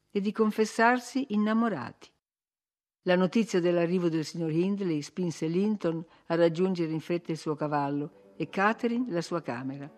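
A woman narrating a classic novel as an audiobook in a measured, expressive storytelling manner. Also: fairly low pitch.

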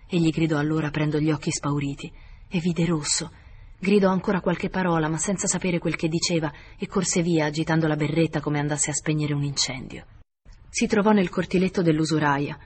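A man reading a novel aloud in measured scripted narration. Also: fairly high pitch, steady tone, slight background noise. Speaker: audiobook reader.

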